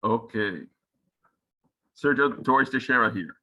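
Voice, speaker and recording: Brazilian guy on a video call, bright husky voice, repeats stuff fast. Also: mid-range voice, highs cut off. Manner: quick, repeats himself. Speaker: session coordinator. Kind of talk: casual video-call chat.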